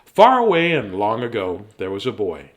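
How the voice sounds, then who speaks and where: Speaking at normal speed, a middle-aged man with a lowish voice and huge pitch swings reads children's stories and chats casually during a livestream. As host and bedtime reader, he's silly, rambling and self-deprecating.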